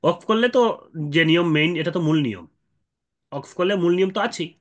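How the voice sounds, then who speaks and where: A man's voice: high voice, lively intonation, fast, dull audio. A man teaching Quran recitation rules, explaining step by step with many fillers and repeated points.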